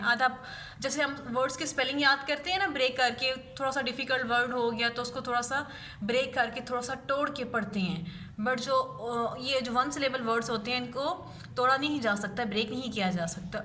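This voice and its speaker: A Pakistani woman teaches young children English in an online class, reading out questions slowly and explaining each one. Her voice sits high and sounds bright. Faint noise hums under the recording. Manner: slow, explaining each word, switching between English and Urdu. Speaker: primary school English teacher.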